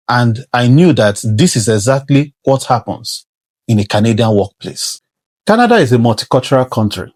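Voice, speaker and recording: A man with a heavy non-native accent talks to camera in an earnest, instructive way. His voice is husky. The sound is dry and close, with no room echo. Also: mid-range voice, darkish tone. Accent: non-native English, heavy. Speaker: career vlogger. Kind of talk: advisory talk to camera.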